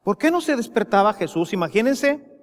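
A man with a Mexican accent preaching a sermon, slow and emphatic, rising into impassioned pleas. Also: sits high, very animated, in a large hall. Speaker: priest.

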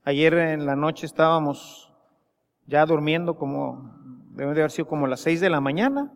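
A man with a Mexican accent preaching a sermon, slow and emphatic, rising into impassioned pleas. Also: on the high side, vocal fry, long reverb tail. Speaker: priest.

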